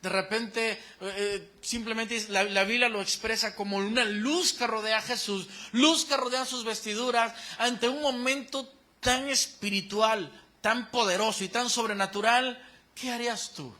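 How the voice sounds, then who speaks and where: A man preaching a sermon as pastor, animated and calling the congregation to repeat phrases after him. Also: high voice, unhurried.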